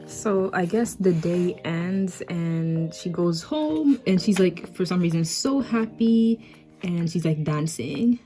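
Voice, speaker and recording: A woman's voice: lowish voice, expressive, slow, mellow, faint music behind. A woman talking through her old comic in a casual voice-over, rambling and self-mocking, with lots of 'like'. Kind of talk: casual art commentary voice-over.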